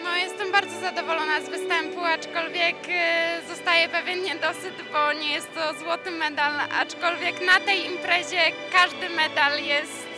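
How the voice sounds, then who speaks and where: Woman athlete, very high voice, composed answers, clear music behind. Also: steady tone, normal speed, hardly any pauses. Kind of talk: post-event interview.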